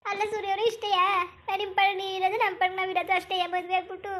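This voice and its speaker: A performer doing a very high-pitched young wife in a cartoon, pleading tearfully for forgiveness. She speaks quickly in a flat, unvarying tone, with faint noise in the background. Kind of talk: cartoon voice acting.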